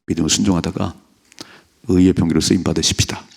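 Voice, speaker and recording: Gravelly husky-voiced male pastor. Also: low-pitched, quick pace. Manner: animated storytelling, acting out characters' lines. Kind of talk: early-morning prayer sermon.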